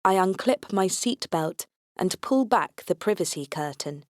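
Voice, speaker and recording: A woman's voice: fairly low pitch, animated, measured pace, dry recording. A woman reading an audiobook in first person, with a dry, wry, understated delivery. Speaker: audiobook narrator. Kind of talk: first-person scripted narration as a robot agent.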